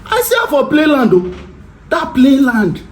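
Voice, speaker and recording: A high, swooping Nigerian voice belongs to a boastful, aggrieved sponsor, played by a man in a comedy skit. He talks loud and complains without letup about getting his money back. His pitch jumps up and down the whole time. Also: big pitch swings, measured pace, a little hiss or hum, heavily acted.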